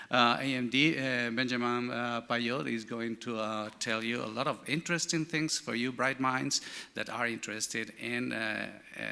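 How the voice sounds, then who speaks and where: A man's voice: medium pitch, vocal fry, bright, forceful tone. A man introducing a speaker at a conference, hesitant with many fillers. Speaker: sponsor representative introducing a speaker. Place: large conference hall. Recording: reverberant conference hall.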